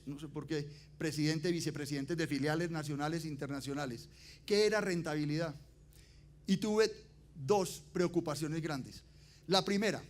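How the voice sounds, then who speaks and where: A man giving a motivational conference talk, asking the audience rhetorical questions and swinging between loud emphasis and quiet, dropped endings. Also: fairly high pitch. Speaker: conference speaker.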